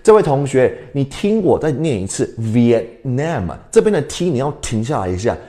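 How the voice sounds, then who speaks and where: A man's voice: medium pitch, very animated, a little fast, dark tone. A young adult man from Canada teaching an English lesson on a livestream, switching between Mandarin and English and quizzing his viewers.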